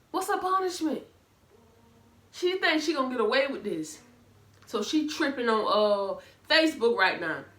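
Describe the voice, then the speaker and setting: A woman's voice: high voice, pushed and bright, reverberant. A woman with a Southern US accent giving casual commentary, blunt and sarcastic, speaking straight to her viewers. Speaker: reaction commentator. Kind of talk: casual commentary reading messages.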